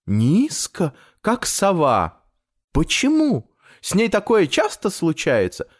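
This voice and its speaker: Guy voicing a fussy chatty tailor in a storybook, high voice, all over the place. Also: slow, full character voice. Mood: excitable, chatty. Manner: excitable, rambling, high-pitched chatter.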